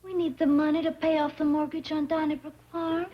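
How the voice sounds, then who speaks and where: A woman's voice: high-pitched, level tone, brisk, lightly acted. An actress playing an earnest, spirited young hillbilly woman with a Southern accent in a TV sitcom. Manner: folksy, earnest. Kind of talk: 1960s TV sitcom acting. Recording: muffled noisy TV soundtrack with audience.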